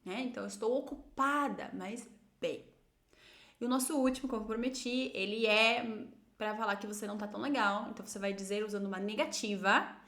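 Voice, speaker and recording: A woman with a Brazilian Portuguese accent teaching an online English lesson, encouraging her students and drawing out English example phrases slowly. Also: mid-range voice, fairly bright tone, echoey room.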